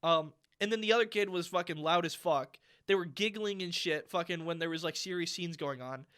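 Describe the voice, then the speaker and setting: A man's voice: high voice, fairly quick, fairly bright tone, clean tone. A young man co-hosting a podcast, telling a story in a casual, profane and exasperated way. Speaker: podcast co-host. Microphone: podcast mic.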